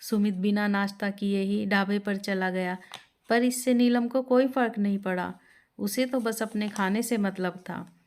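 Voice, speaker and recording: A woman narrating a moral story in a steady, plain storytelling manner. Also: mid-range voice, measured pace.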